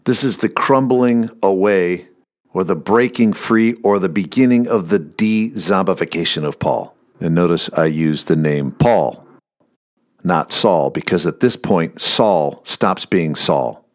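A man's voice: deep voice, slow. A man giving a sermon-style talk on scripture, reflective and repeating words for emphasis. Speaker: speaker teaching on scripture.

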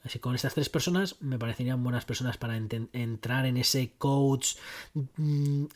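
A man's voice: medium pitch, moderate pace. Chatty rambling man. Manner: chatty, rambling, self-interrupting with asides and acted quotes. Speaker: podcast host. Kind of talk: casual solo podcast talk.

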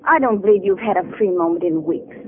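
A woman's voice: medium pitch, brisk, slightly rough, phone-quality sound, close to an everyday voice. A woman playing a polite, solicitous sanatorium nurse in a 1940s radio drama on a vintage recording.

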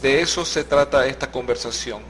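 A man's voice: mid-range voice, moderate pace, a bit bright, a little hiss or hum. A Venezuelan man hosting a podcast, explaining expressions patiently with examples and easy laughter. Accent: Venezuelan Spanish. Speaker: podcast host. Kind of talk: slow explanatory podcast chat.

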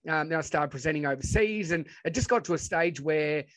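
A man with a broad Australian accent speaks in a slightly high voice. He is informal and enthusiastic, telling stories in a casual, chatty way as a guest being interviewed. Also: a little fast, fairly bright tone. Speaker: podcast guest, educator and presenter.

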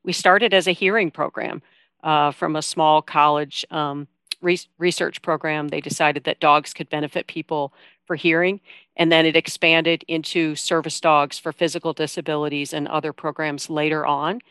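A woman's voice: low voice, flat delivery, moderate pace, fairly bright tone, smooth, no echo, studio quality. A woman giving informal, explanatory answers as a guest in a conversational interview. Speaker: interview guest, veteran coordinator at a nonprofit.

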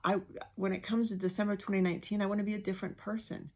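A woman's voice: mid-range voice, little pitch movement, very fast. A woman podcast host with a speech impediment on her R's and S's, talking candidly and informally in a rambling personal monologue, acting out remarks she quotes.

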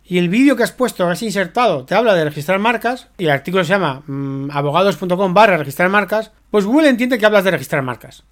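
A man, a web consultant and guest in an interview, explaining at length with emphatic, rhetorical checks on the listener. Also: high-pitched.

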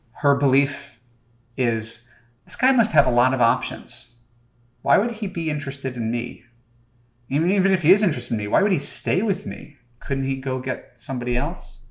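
A middle-aged man, a dating coach, hosting a podcast and talking directly to listeners in a conversational way with frequent fillers. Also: medium pitch. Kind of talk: podcast monologue.

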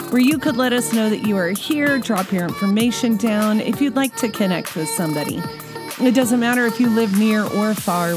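An American woman giving a scripted podcast introduction and announcements as host. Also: mid-range voice. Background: music.

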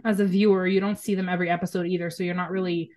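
A woman's voice: lowish voice, level tone, rapid-fire, darkish tone. A woman hosting a podcast in casual chat, talking loosely with lots of "um" and "like" and frequent laughter. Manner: chatty, laughs often, many fillers like "um" and "like". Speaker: podcast host.

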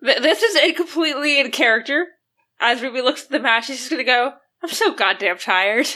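Woman, high pitch, bright, tabletop player, informal in-character chat, matter-of-fact. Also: quick pace. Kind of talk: casual in-character game chat.

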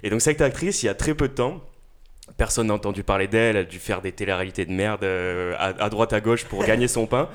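A young man in his twenties chatting casually as a radio co-host, halting and filling gaps with hesitation sounds. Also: fairly low pitch. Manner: halting, with many filler sounds and restarts. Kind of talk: casual chat.

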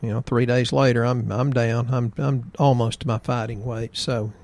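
A man's voice: medium pitch, fairly even intonation, normal speed, a little mellow. A man casually talking about health in a folksy, joking, rambling way. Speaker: health practitioner co-host.

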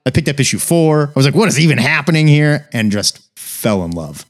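This comics-review podcast co-host, an American man in his forties, keeps things casual, informal, and emphatic. He sounds very animated, with a fairly high voice and a fairly quick pace.

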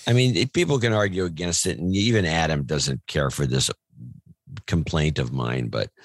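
A man co-hosting a casual podcast, arguing a pet peeve in a wry, deliberate way. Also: very deep voice, no room sound. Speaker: podcast co-host. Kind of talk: casual chat.

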